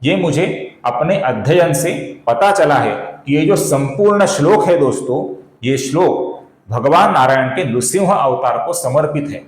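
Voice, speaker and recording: A man leads a recitation lesson, chanting sacred verses slowly and deliberately and speaking to his viewers as friends. His voice sits a little high. The room around him is echoey. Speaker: teacher of Sanskrit chanting. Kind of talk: recitation tutorial.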